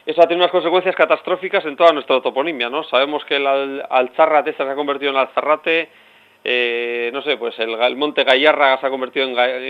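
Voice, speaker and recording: Fast-talking man explaining on local radio. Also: mid-range voice. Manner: explanatory, rambling with restarts. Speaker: radio guest. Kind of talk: radio interview. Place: radio studio. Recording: dull lo-fi radio audio.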